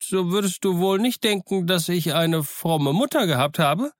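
A man voicing a childlike, excitable old castaway sailor who has gone half mad alone, in an eager, wheedling, sing-song way. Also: high voice, moderate pace, no echo, clean studio sound, voice pushed up, close to an everyday voice. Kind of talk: audiobook character voice.

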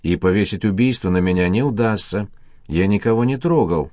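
A man's voice: fairly low pitch, a little fast, dark tone, dry recording, studio quality, close to an everyday voice. A man voicing a bound, bitter middle-aged man accused of murder, speaking in a grating, sneering way.

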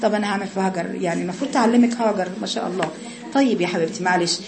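A woman's voice: medium pitch, very fast, roomy sound, a crowd in the background. An Egyptian woman teaching Quran recitation, patiently correcting her students and chanting the sounds herself to show them. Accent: Egyptian Arabic. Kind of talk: tajweed lesson, correcting students.

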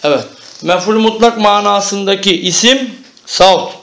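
A man's voice: sits high, unhurried, vocal fry, a bit bright. A man teaching an Arabic grammar lesson, explaining step by step and often checking that the class understands.

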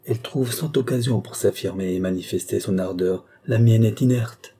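A man's voice: on the low side, moderate pace, warm tone, husky. A man voicing a scheming, pious noblewoman who pleads emotionally, as in a read-aloud storybook. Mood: pleading.

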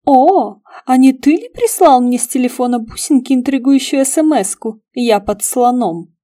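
A nosy young man who keeps needling his friends with cheerful questions, as a woman reader puts him on. The voice stays mellow and soft-edged, lifted slightly in pitch. It sounds like a storybook audiobook character. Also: very animated, moderate pace, no room sound, clean studio sound.

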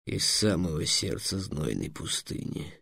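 A gruff old dragon, slow and gloomy, with a deep gravelly rumble, as a male reader puts him on. The voice sits dry and close to the mic, with no room around it. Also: sing-song, sharp tone, dry recording, exaggerated voice. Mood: grumbling.

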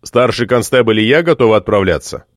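A stern doctor speaks curtly and dismissively, as the male reader drops to a lower voice. The delivery is clipped and guarded, in an audiobook recorded close and dry. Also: lively intonation, a little fast, no echo, lightly acted. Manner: curt, dismissive.

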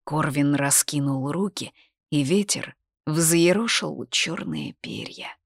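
A woman narrating a fantasy novel as an audiobook, with expressive storytelling that sometimes drops to a hush. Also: deep voice, slow, gravelly, no echo, clean studio sound.

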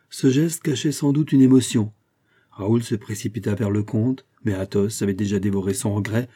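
Dark, husky-voiced male audiobook narrator. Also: fairly low pitch. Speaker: audiobook reader. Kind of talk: scripted narration of a classic novel.

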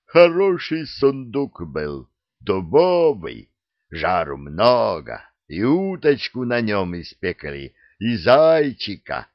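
An eager, croaking frog-like creature from a storybook, as a man puts him on. He talks in slow, drawn-out lines with a lively lilt. The sound is dry and a bit dull. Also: on the low side, dry recording, full character voice. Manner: croaking, impatient. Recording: dull lo-fi recording.

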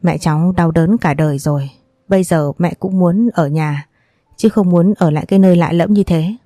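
A woman's voice: on the low side, moderate pace, warm tone, dry recording, clean studio sound, lightly acted. A woman voicing a grieving teenage girl who pleads tearfully with her dying mother. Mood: earnest.

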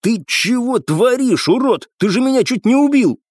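A man doing a gruff, scolding ranger. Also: a little high, sing-song, normal speed, darkish tone, dry recording, studio quality, voice pushed up. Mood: angry. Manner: rough, scolding. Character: gruff male forest ranger, blunt soldier.

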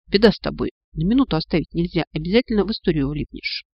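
A man's voice: a little high, expressive, quick pace, creaky, husky, no room sound, dull audio, exaggerated voice. A man voicing a grumpy, scolding male talking blade in an audiobook. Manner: grumbling, scolding, impatient.

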